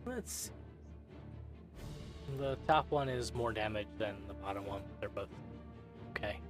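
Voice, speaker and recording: A man running a tabletop game as game master, giving matter-of-fact rulings and brisk narration. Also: lowish voice, music in the background.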